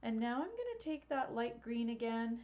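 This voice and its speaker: A woman giving a live colored pencil drawing tutorial over a webcam, chatty and quick to laugh at herself. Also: fairly high pitch, sing-song, a little mellow, highs cut off. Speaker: art teacher.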